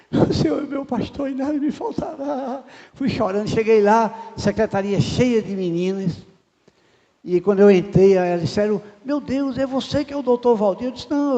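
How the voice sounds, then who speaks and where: An older man, preaching a sermon as a pastor and acting out the voices in a personal story. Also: sits high. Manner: animated storyteller acting out dialogue. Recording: muffled reverberant church sound.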